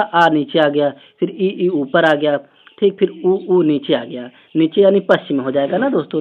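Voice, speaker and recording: A man teaching an exam-prep grammar lesson online. He explains memory tricks, keeps asking rhetorical questions and talks aloud as he writes. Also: high-pitched. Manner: talks aloud while writing on the screen. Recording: tinny phone-like audio.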